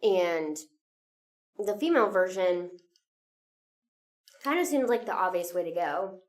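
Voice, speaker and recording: A woman's voice: on the low side, lively intonation, measured pace. A woman co-hosting a casual podcast chat, tired and yawning, chatty with frequent laughs and fillers. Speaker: podcast co-host, theater director.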